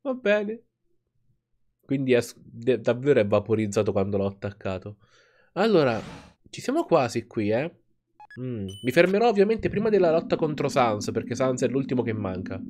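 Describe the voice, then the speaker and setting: A man hosting a let's play, giving gaming commentary with animated reactions and laughter. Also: mid-range voice, fairly quick.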